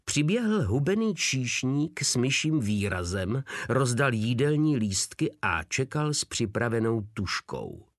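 A man narrating an audiobook in a vivid, lively storytelling style. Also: medium pitch, no echo, clean studio sound.

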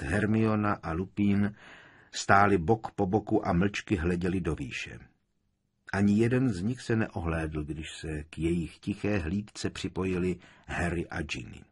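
A male audiobook narrator with a low, somewhat husky voice. He reads the story expressively and raises his pitch and volume when the characters speak. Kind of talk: scripted narration.

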